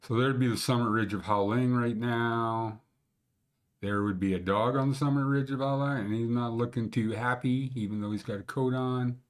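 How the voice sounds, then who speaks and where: Hosting a mountain-conditions show, a Canadian man in his sixties with a mid-range voice rambles casually over his screen, dropping blunt and sometimes crude jokes. He speaks from a small room at home into a webcam mic sitting on his desk.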